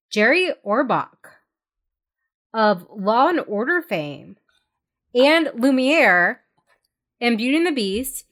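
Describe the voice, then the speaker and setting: Upbeat woman hosting a podcast. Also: a little high. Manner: upbeat, leads the talk with questions. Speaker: podcast host. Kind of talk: casual podcast chat.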